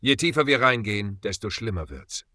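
A hard, grim leader who quotes scripture, as a man reads him in a spoken story. He speaks harshly and tersely in a low, bright voice. The recording is dry and close. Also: animated, a little fast, no room sound.

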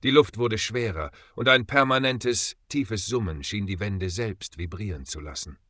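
A man reading a story aloud as the narrator in a steady, dramatic way. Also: fairly low pitch, measured pace, dry recording. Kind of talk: scripted audiobook narration.

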